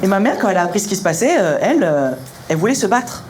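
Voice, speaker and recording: A young man performing punchy stand-up comedy in colloquial, slangy language, telling animated stories and acting out dialogue. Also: high-pitched, rapid-fire. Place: live comedy venue. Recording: live show recording with clear noise.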